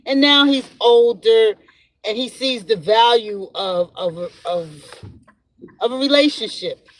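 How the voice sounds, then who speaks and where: A podcast host chats solo from her car while driving, rambling casually and laughing often as she tells stories. Her voice is on the high side and slow. The recording is rough, with faint road and vehicle noise.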